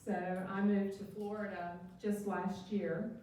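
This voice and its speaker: A woman's voice: mid-range voice, flat delivery, unhurried, mellow. A middle-aged woman from West Virginia with an Appalachian accent gives an informal, folksy and self-deprecating introduction of herself. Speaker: nursing home administrator introducing herself. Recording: very echoey hall, distant mic, faint noise.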